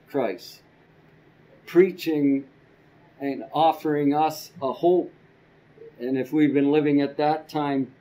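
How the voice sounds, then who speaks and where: An older man teaching a church Bible class from a podium, slow and halting with frequent ums and repeated words. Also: a little high, dark tone, rough recording. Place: church classroom with a projector screen. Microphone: podium microphone.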